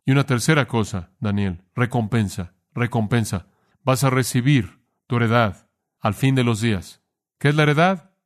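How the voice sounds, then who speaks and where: A man preaching a sermon and then leading a prayer, earnest, asking questions and answering them himself, slowing down to stress key words. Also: mid-range voice. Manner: slows down to stress key phrases.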